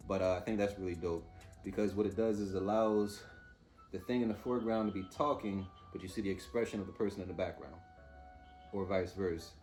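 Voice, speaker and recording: A man's voice: low voice, fairly even intonation, fairly quick, a little mellow, faint music behind. A man giving a casual, off-the-cuff TV review, informal and opinionated as he mulls things over aloud. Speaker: host reviewing TV episodes.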